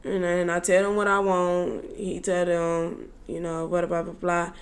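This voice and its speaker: A woman's voice: lowish voice, completely flat delivery, measured pace. A young woman telling a casual story-time tale to her viewers in a chatty, slangy way, with exasperated asides to them. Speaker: storytelling vlogger.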